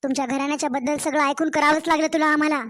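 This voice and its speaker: A woman's voice: high-pitched, little pitch movement, rapid-fire, a bit bright. A woman voicing a harsh scolding mother-in-law. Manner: scolding, insulting. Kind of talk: cartoon story voice acting.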